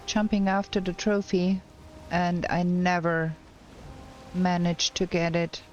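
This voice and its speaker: A woman streamer giving casual gameplay commentary, thinking aloud in a slow, hesitant way, her voice cracking because she is unwell. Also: lowish voice, level tone, a little mellow, lo-fi sound, a little hiss or hum. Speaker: game streamer.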